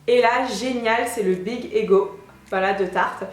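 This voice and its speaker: A young woman beauty vlogger chatting excitedly through a product unboxing, with lots of hesitations. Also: mid-range voice, measured pace. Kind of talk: casual product unboxing chat. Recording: echoey room.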